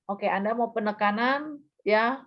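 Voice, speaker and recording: Patient woman teacher, muffled lo-fi sound. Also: a little high. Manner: patient, explanatory, models example phrases aloud; checks understanding with quick asides. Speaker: Japanese language teacher. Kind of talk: recorded online lesson.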